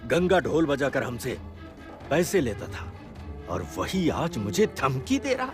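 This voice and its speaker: An actor playing a proud, short-tempered landowner and head of the house, shouting orders and indignant complaints in a TV serial. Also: male voice, mid-range voice, huge pitch swings, slow, over music. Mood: seething.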